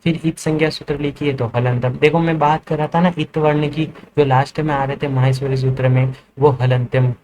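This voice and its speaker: A man's voice: medium pitch, steady tone, fairly quick, hardly any pauses, a little mellow, slight background noise, low-quality recording. A man lecturing as a teacher, explaining step by step and answering his own questions. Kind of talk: classroom lecture.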